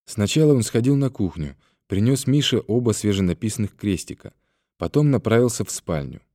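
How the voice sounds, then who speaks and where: A man reading an audiobook in a calm, even storytelling manner. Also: on the low side, fairly quick, no echo, clean studio sound. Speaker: audiobook reader. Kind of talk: scripted narration.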